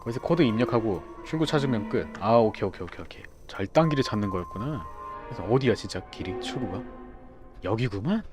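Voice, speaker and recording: A man's voice: lowish voice, fast talker, over music. A young man commentating a horror game as he plays, chatting with teammates and yelping when startled. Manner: excitable, yelps and shouts when startled. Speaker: game streamer. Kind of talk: live gameplay commentary.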